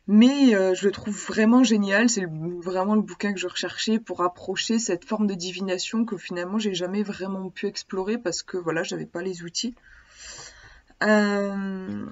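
A woman's voice: mid-range voice, steady tone, normal speed. A woman talking casually to camera in a vlog about a book, chatty and eager, often hesitating and restarting her sentences. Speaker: vlogger reviewing a divination book. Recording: dull lo-fi sound.

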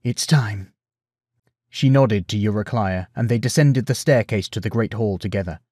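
Expressive male storyteller, dry sound. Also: fairly low pitch, a little fast, no room sound. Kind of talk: bedtime story narration.

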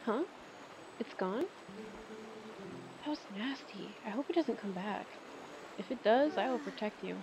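A woman's voice: fairly high pitch, expressive, a little slow, long pauses, noisy background. A woman giving casual let's play commentary, chatty and exclamatory, talking to the game's creatures as she plays. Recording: game music playing behind.

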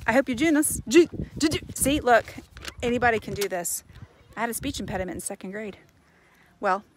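An American woman in her forties talking casually and earnestly in a motivational vlog, pausing for emphasis, recorded outdoors on a phone at arm's length. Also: medium pitch, a bit bright. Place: outdoors on a residential path by a pond. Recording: faint outdoor background noise.

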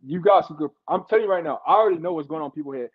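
A man with a somewhat high voice breaks down football as a guest on a sports talk show. He explains insistently and repeats himself to make his point. His audio comes through dull and lo-fi. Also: rapid-fire.

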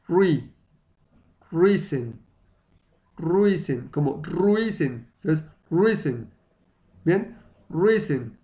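Slow, patient Spanish-speaking man teaching. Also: sits high. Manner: patient, repeats words slowly for drilling. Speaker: English teacher. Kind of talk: online language lesson.

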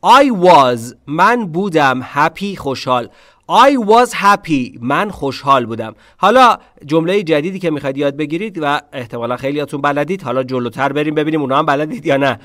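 A man with a fairly high voice teaching English in a dry, close recording. His first language is Persian. He drills short phrases slowly over and over, then switches to playful scolding of his students. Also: lively intonation, fairly bright tone, no room sound. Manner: drills English phrases slowly and repeats them, then teases viewers in quick asides. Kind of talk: online language lesson.

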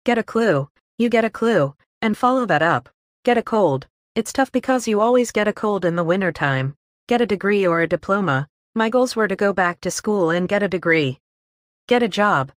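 A woman slowly reading a list of English phrases, each followed by an example sentence. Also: mid-range voice, animated, no room sound, studio quality. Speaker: English teacher.

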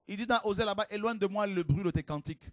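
A man preaching a fiery sermon to a congregation, with shouted exclamations and rhetorical questions. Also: high-pitched, fast, no room sound, studio quality.

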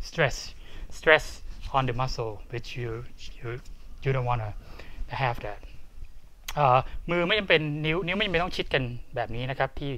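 Slow, halting male karate teacher. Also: medium pitch, bright, forceful tone, a little hiss or hum. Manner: halting, repeats words, explains each step twice. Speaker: karate instructor. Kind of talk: demonstrating and explaining technique. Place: karate dojo.

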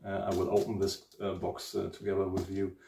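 A German man in his forties with a German accent hosts a casual guitar unboxing vlog in his living room, fumbling for words with lots of ums. His low voice is monotone, fairly quick, creaky and mellow. A distant camera mic catches him in an echoey room, with slight background noise.

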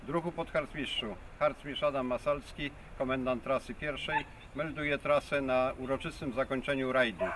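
Distant man reporting amid loud outdoor noise. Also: mid-range voice, steady tone, moderate pace, hardly any pauses. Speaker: scout leader reporting. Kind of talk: formal roll-call report. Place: outdoors at a forest clearing. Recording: distant, very noisy outdoor recording.

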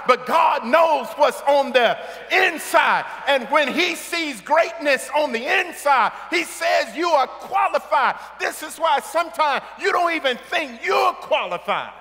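A middle-aged male pastor preaching a sermon from a church stage, calling for amens and building to shouts. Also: very high-pitched. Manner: call-and-response preaching, rising to shouts. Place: large church sanctuary stage. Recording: long church hall reverb.

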